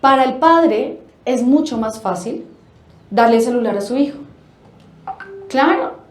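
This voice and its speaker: A high-pitched woman from Colombia lectures an audience at a forum, her voice bouncing around a reverberant hall. She is animated, poses rhetorical questions and slips into little acted-out quotes. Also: measured pace. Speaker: speaker at a family forum.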